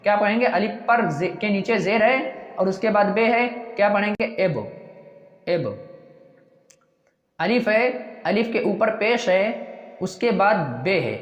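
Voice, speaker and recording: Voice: mid-range voice, measured pace. Patient teacher drilling letters in an echoey room. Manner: asks a question, then answers it and repeats the answer. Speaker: Urdu reading teacher. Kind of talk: slow step-by-step reading lesson. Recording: dull echoey recording with long reverb.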